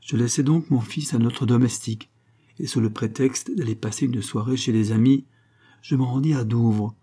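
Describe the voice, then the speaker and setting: A frightened young mother pours out a hushed confession in an audiobook, as a man reads her lines. The voice is dark and mellow, with a husky grain. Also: mid-range voice, steady tone, moderate pace, natural voice. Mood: pleading. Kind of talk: audiobook reading.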